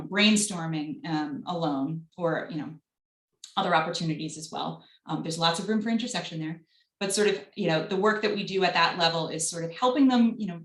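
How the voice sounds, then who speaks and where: A woman's voice: low-pitched, fairly bright tone, echoey room. A woman with a Long Island accent answering questions in an online panel, hesitant with many fillers. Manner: hesitant, many ums and sort-ofs. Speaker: panelist from a lending organization.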